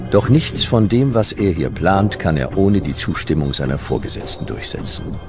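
Reading from a script, a man with a very low, creaky voice narrates a historical documentary over music. His pitch swings widely, lending his measured delivery a dramatic, storytelling quality.

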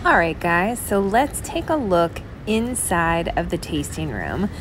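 A woman's voice: fairly low pitch, big pitch swings, takes it slowly. Woman narrating a tour over music. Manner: friendly, descriptive tour narration. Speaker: vlog co-host narrating.

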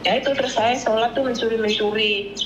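A woman in her forties, a former domestic worker, tells her story in a casual interview in a small room at home. Her voice sits on the high side with fairly even intonation and a slightly fast pace as she rambles, acts out others' voices, and keeps repeating "Miss." The room recording sounds roomy, dull, and noisy.

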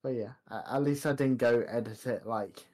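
Very low-voiced tired woman streamer. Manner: halting, trailing off, laughs softly. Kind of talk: casual gaming stream chat.

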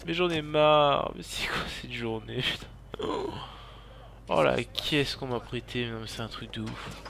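A man's voice: mid-range voice, unhurried, creaky, a little hiss or hum. A man giving frantic in-character commentary while playing a driving game, swearing and repeating his exclamations. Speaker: gaming YouTuber role-playing his character. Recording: loud car and siren game sounds behind. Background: car engines and police sirens from the game.

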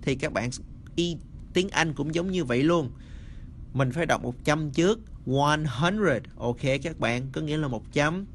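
A man teaching English number words in a casual spoken lesson, slowly repeating each word and checking that the viewers follow. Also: a little high, a little hiss or hum. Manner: slow, repeats words, addresses viewers as friends.

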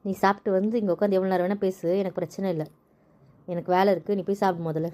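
A cheeky young wife who talks back and sighs with exasperation , as a woman acts her. Her tone is mellow and warm. It is an amateur audio drama. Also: mid-range voice, fairly even intonation, very fast, lightly acted.

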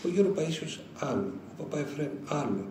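An older man, a monastic elder giving an informal, animated spiritual talk, telling stories with chuckles. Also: a little high. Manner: conversational, animated storytelling with chuckles. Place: lecture hall. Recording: roomy hall sound with faint noise.

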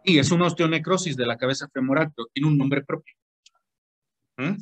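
A Mexican doctor teaching medical students in a relaxed, informal way. He keeps stopping to ask whether the class follows and explains things plainly, with a fairly high voice for a man. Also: a little fast. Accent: Mexican Spanish. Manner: colloquial, asks the class frequent check questions.

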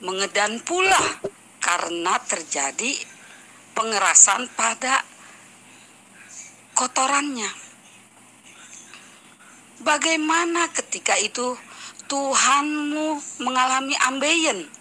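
Slow, bright-voiced lecturing woman. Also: sits high, lively intonation, a little hiss or hum, rough recording. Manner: challenging, lecturing. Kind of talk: voice-note debate.

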